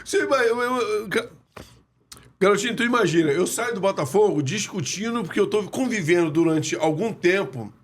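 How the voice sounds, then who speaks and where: A middle-aged man, a former footballer telling lively anecdotes as a podcast guest in a studio. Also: high-pitched, moderate pace. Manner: animated anecdotes, hesitant restarts. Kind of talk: casual storytelling.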